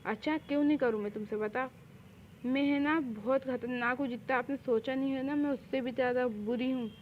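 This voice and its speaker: Young woman playing a haughty rude woman boss, scolding, high voice, lo-fi recording. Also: steady tone, a little fast, slight background noise, natural voice. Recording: dull lo-fi recording.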